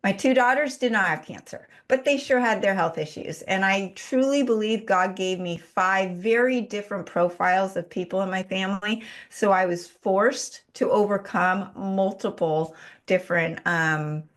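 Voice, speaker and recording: A woman in her forties, a guest on a podcast, earnestly telling a personal story with lively energy and frequent restarts. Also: mid-range voice, moderate pace. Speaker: podcast guest, health advocate.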